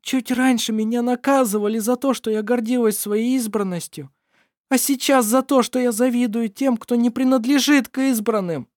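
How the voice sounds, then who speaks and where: A man's voice: very high-pitched, moderate pace, a little mellow, no echo, clean studio sound, pitched above the performer's own voice. A man voicing an anguished young woman who pleads bitterly with her tormentors.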